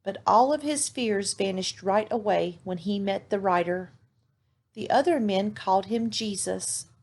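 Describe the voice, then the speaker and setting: A woman's voice: medium pitch, a little slow. Woman reading a children's story aloud. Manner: clear, expressive storybook reading.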